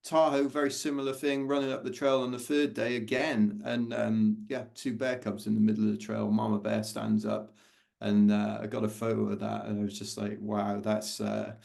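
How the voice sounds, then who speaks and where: A middle-aged man from London with a London accent, a podcast guest telling lively anecdotes and acting out quoted voices. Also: fairly low pitch, moderate pace, creaky. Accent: London English. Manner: animated anecdotes, acts out quoted voices, laughs often. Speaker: podcast guest, ultra endurance runner. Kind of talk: casual storytelling interview.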